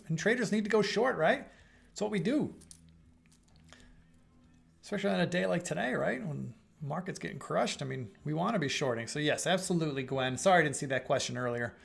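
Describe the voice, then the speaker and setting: Viewer questions get casual, rambling answers from a middle-aged man hosting a live trading stream, who thinks out loud with fillers and restarts. He speaks at a fairly high pitch with vocal fry, his voice wearing thin as he clears his throat.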